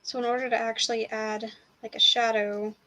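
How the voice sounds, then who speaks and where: Bright-voiced woman streaming while painting. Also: a little high, a little fast. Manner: relaxed, swears casually, teasing. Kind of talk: casual livestream chat.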